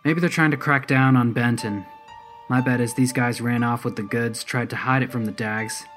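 A man's voice: mid-range voice, fairly even intonation, normal speed, a bit bright, soft background music, lightly acted. A man voicing a tough, swearing woman sheriff who covers her fear with brash bravado. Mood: terse. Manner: brash, profane bravado over nerves.

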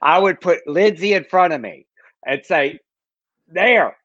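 A man's voice: a little high, moderate pace, a bit bright, dry recording. A man co-hosting a casual chat show, campy and sassy, often stumbling over restarts. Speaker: podcast co-host. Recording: dull, dry lo-fi sound.

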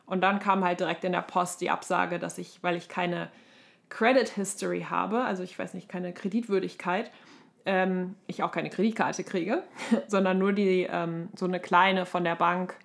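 A woman's voice: on the low side, fairly even intonation, normal speed, creaky. A woman in her thirties from Germany co-hosts a podcast, chatting colloquially in anecdotes and mixing in English terms. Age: 30s. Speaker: podcast co-host. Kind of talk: casual conversational podcast chat.

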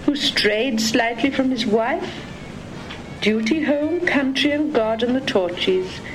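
A woman heard from an old home tape recording, talking and reading aloud at home in a lively, sing-song way. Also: a little high, slow pace, background noise.

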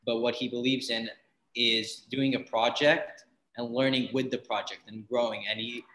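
A male student speaks at mid pitch with earnest conviction, breaking often into "uh." His voice carries a noticeable room echo. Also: level tone, normal speed, fairly bright tone. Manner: earnest, with many uhs. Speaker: student guest. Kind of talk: casual interview answer.

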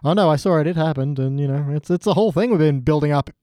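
Guy hosting a podcast, kinda high voice, goofy and crude, dry close mic. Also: fast talker, no room sound. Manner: jokey, animated, playfully crude. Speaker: podcast host. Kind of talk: casual podcast chat.

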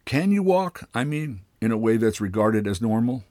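A man voicing a bitter, pompous old father with a wooden leg, speaking with sardonic, drawn-out mockery in a storybook reading. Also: medium pitch, sing-song, a little mellow, dry recording, studio quality, close to an everyday voice. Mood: scornful.

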